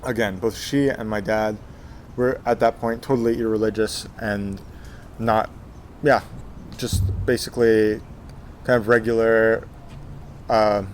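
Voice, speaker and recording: A young man in his twenties with a lowish voice tells his life story, stopping and restarting often with plenty of ums. Faint noise sits under the recording. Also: flat delivery, measured pace, pauses often. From Texas, USA. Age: 20s. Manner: hesitant, many fillers and restarts. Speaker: interview guest. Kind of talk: casual life-story interview.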